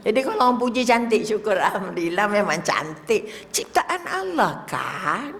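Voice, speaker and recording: An older woman with a Malaysian Malay accent giving a religious lecture, lively, posing rhetorical questions and dropping to whispers to demonstrate prayer. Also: medium pitch, normal speed, vocal fry. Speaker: religious teacher. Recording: reverberant hall.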